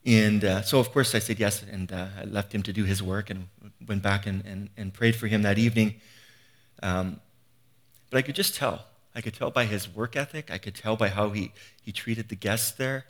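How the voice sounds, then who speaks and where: A man's voice: on the low side, steady tone, normal speed. A man in his fifties giving an earnest, conversational sermon, often restarting phrases and asking rhetorical questions. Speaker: preacher.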